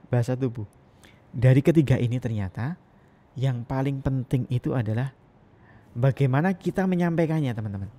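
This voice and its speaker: Energetic male lecturer. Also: medium pitch. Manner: energetic, rising and falling intonation. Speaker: university lecturer. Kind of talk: recorded online lecture.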